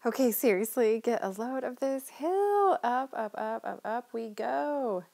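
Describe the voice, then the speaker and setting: A woman's voice: on the high side, animated, a little slow, creaky, darkish tone. A middle-aged woman chatting enthusiastically as she narrates a tour of her neighborhood from inside a moving car. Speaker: local real estate tour guide.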